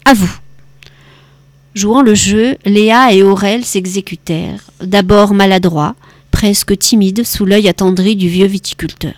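A woman narrating a detective novel in an even, measured way. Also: mid-range voice, no echo. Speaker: audiobook narrator. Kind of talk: scripted narration.

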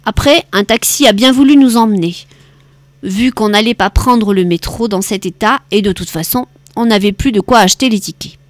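A withdrawn, unruffled man, read by a woman narrating a novel, lays out what happened in short, flat, matter-of-fact phrases. The sound is dry and close, without any room echo. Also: mid-range voice, normal speed, close to an everyday voice.

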